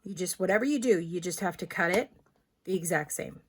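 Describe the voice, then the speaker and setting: A woman shows how to make a card in a chatty crafting tutorial, thinking aloud as she goes and slipping into soft asides. Her voice is lowish and brisk with lively intonation, and the audio carries a little hiss or hum.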